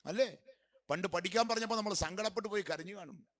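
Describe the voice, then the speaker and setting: A man preaching a sermon in church during a feast. He keeps firing questions at the congregation and answering them himself, and he swings from soft murmurs to loud exhortation. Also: high-pitched, fast.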